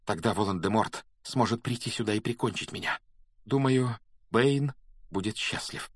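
A man's voice: lowish voice, normal speed, breathy edge, no room sound. A man voicing a frightened, agitated schoolboy in a storybook reading, speaking in a tense, urgent way.

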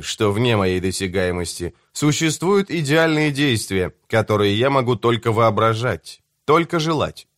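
A man's voice: medium pitch, a bit bright, dry recording. Man reading a novel, dry close sound. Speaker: audiobook narrator. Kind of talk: first-person literary narration.

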